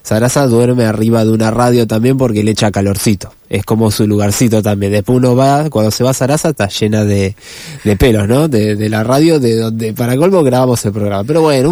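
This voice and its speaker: A man with a Rioplatense accent, hoarse from a cold, giving a brisk sports report as radio co-host. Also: fairly low pitch, dark tone, dry recording. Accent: Rioplatense Spanish. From Argentina. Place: radio studio.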